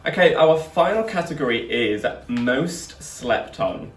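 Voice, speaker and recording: A man's voice: a little high, animated, unhurried. A man chatting casually as he leads a panel review. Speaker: drag queen reviewer leading the panel. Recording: echoey room, distant mic, music behind.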